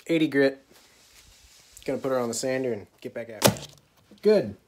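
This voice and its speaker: In this casual vlog, a young adult man with a medium-pitched voice and moderate pace describes a DIY woodworking build in his farm shed and porch workshop. He's self-deprecating and jokey, speaking into a phone camera close by, and the room echoes with clear background noise.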